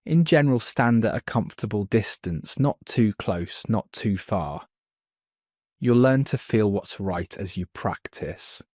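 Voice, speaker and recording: Man, English teacher, very slow and clear, lowish voice, dry close sound. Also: animated, darkish tone, no room sound. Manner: slow, clear delivery with model phrases for learners to repeat. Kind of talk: slow scripted language lesson.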